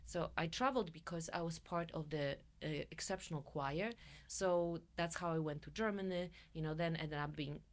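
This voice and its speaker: A woman's voice: low-pitched, moderate pace. A middle-aged woman from Poland with a Polish accent, a guest talking expressively in an interview and laughing often. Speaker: guest, coach and musician. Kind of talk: interview conversation.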